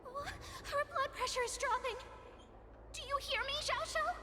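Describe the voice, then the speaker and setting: A woman playing a frantic, bossy little medic in a game, squeaky and crying out urgently. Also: lively intonation, moderate pace, in a large hall, noisy background. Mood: panicked. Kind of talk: dramatic game voice acting.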